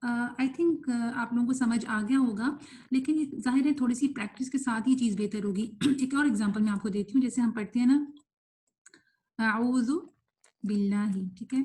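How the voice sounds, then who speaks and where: Brief: young woman, tajweed teacher in a live online class, brisk explanations with English mixed in, slow drawn-out recitation of examples, fairly high voice. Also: dark tone. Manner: explains quickly, then recites words slowly and drawn out; mixes in English words while teaching.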